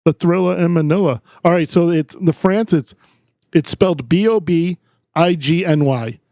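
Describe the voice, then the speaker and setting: A young man co-hosting a casual podcast, laughing often through relaxed banter. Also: on the high side, moderate pace, no echo, studio quality. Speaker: podcast co-host. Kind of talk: casual chat.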